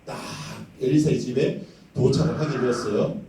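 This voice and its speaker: A male children's pastor telling a Bible story in an animated, dramatic way and asking the kids questions. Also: mid-range voice, normal speed, a little hiss or hum. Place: church sanctuary. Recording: echoey sanctuary, distant mic, faint ambience.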